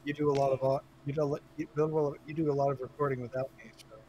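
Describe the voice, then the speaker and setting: A man's voice: mid-range voice, level tone, very fast, warm tone, lo-fi sound, slight background noise. A man playing alongside the host, chatting offhand and stumbling over his words as he trails off mid-thought. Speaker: co-player. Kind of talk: casual gameplay chat.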